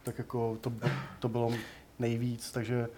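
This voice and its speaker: A man's voice: mid-range voice, monotone, noisy background. Rambling Czech-speaking male podcast host. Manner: rambling, heavy use of fillers. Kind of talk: casual chat about video games.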